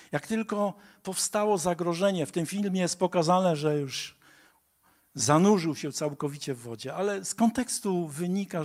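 A man preaching a sermon, earnest and direct, rising to emphatic appeals to his listeners. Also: a little high.

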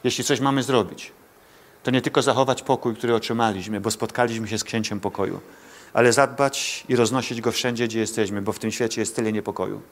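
A man's voice: fairly low pitch, steady tone, quick pace. A male pastor preaching a sermon to a congregation in church, speaking directly to listeners, pleading and asking rhetorical questions.

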